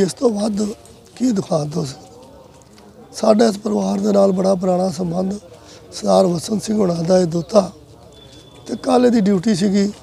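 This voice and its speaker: A man in his sixties with a Punjabi accent, giving solemn condolences in halting, short phrases. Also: high voice, gravelly, warm tone. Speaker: interviewee offering condolences. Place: outdoors among a group of people.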